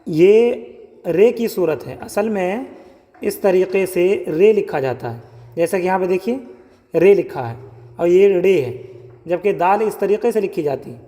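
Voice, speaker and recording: A man teaching how to write Urdu letters step by step, spelling out and repeating each letter sound slowly. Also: high-pitched, lively intonation, mellow. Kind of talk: step-by-step writing lesson. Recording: long hall reverb.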